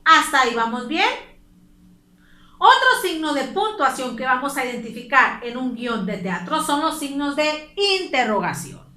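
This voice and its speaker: Mexican woman, teacher for a kids' class, lively high voice, patient step-by-step explaining, echoey room. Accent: Mexican Spanish. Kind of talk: recorded class lesson for children.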